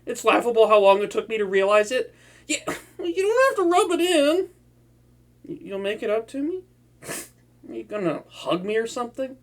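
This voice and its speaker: In this hobby audio roleplay, a voice actor portrays a boastful young villain who stammers, gets rattled and shifts moods abruptly. He speaks at a moderate pace in a very high-pitched, highly animated voice.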